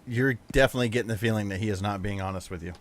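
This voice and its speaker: A man's voice: lowish voice, rapid-fire, noisy background. A man narrating a tabletop role-playing game casually as game master.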